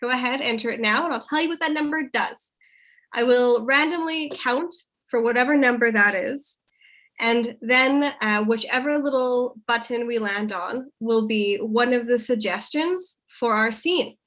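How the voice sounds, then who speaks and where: A woman's voice: fairly high pitch, normal speed, a bit bright. A woman co-hosting an improv live stream in a casual, chatty style. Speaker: improv show co-host.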